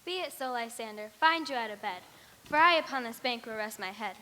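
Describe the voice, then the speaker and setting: A woman's voice: on the high side, animated, fairly quick, bright, forceful tone. A woman playing an earnest young noblewoman in love in a school stage play. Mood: tender. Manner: earnest verse. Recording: echoey hall.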